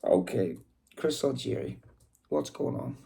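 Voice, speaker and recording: A man's voice: mid-range voice, animated, unhurried, creaky, mellow. A man with a Belfast, Northern Irish accent giving casual, rambling commentary as a boxing vlog host, talking into a phone. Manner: rambling, informal. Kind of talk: casual chatty commentary to camera.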